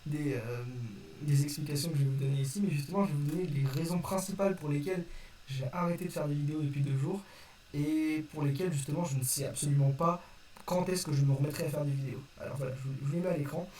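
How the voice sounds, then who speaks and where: A man's voice: fairly high pitch, fairly even intonation, fast, dark tone. A young man giving a casual, unscripted explanation to his viewers in a hesitant, apologetic, self-correcting manner. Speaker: video creator addressing viewers. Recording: distant roomy mic with faint noise.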